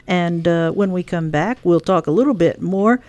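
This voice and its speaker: A woman hosting a radio interview, briskly running through a list of upcoming events in a promotional manner. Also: lowish voice, a little mellow. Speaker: radio show host. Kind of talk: scripted-sounding radio interview.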